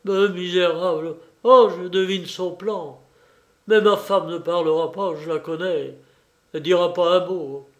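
A man's voice: high voice, steady tone, a little slow, voice pushed up. A man voicing a panicky older banker who whines, protests and splutters in agitated outbursts. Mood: indignant. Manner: agitated, pleading, stammering outbursts.

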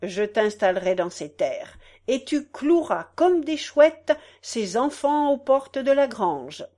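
A woman voicing a smug, greedy male election candidate who shouts grand promises in a storybook reading. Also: a little high, very animated, slow pace, voice pushed up. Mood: grandiose.

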